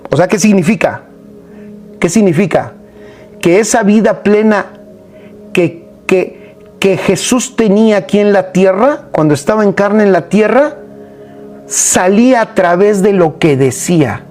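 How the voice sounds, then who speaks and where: A man preaching a sermon in an animated, emphatic way, full of rhetorical questions. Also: high voice, a little slow, faint music behind.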